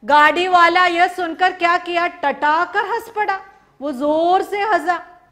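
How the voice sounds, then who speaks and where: A woman teacher gives a recorded class lesson, going through a story line by line. Her voice is high and her pace slow and patient. She keeps asking questions and then answering them herself. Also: fairly bright tone. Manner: explains slowly, asks and answers her own questions. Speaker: Hindi teacher. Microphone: recorded for an online class video.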